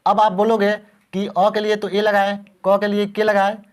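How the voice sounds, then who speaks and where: High-voiced man teaching spelling patiently. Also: completely flat delivery, normal speed, clean tone. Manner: patient, repeats words and asks questions. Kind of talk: spelling lesson for beginners.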